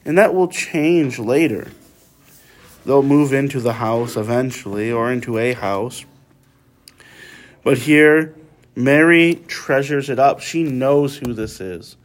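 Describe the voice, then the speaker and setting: A man's voice: mid-range voice, slow pace. A man leading a casual Bible study, talking conversationally and often checking in with his listeners with tag questions.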